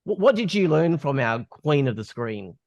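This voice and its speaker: A man's voice: a little high, sing-song, normal speed, gravelly, a little mellow, no room sound, muffled recording. A man hosting a podcast interview, putting upbeat questions to his guest. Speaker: podcast host.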